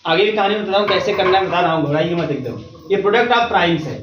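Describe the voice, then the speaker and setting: High-voiced man lecturing in a roomy, distant recording. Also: fairly quick, highs cut off, a little hiss or hum. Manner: reassuring, repeats checks like "theek hai na". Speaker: math teacher. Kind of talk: classroom lecture.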